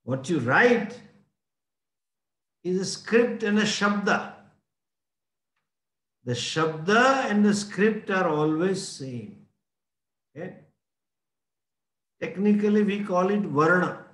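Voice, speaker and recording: A man with an Indian English accent teaching a scripture class, explaining slowly and often chuckling. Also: high-pitched, animated, fairly bright tone, reverberant. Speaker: spiritual teacher.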